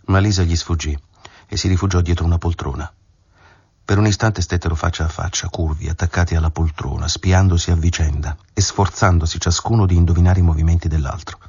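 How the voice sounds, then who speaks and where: A man narrates a literary novel in a measured, dramatic way. His voice is very low and husky. The recording is dull, lo-fi and dry. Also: fairly even intonation, darkish tone, no room sound. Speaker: audiobook narrator.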